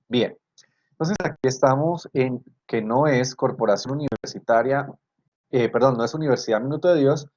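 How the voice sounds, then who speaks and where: A university tutor with a Colombian Spanish accent reviews student work in an online class, explaining step by step, repeating points and checking that everyone follows. His voice is medium-pitched and a little mellow, picked up by a video call computer mic with slightly dull lo-fi audio.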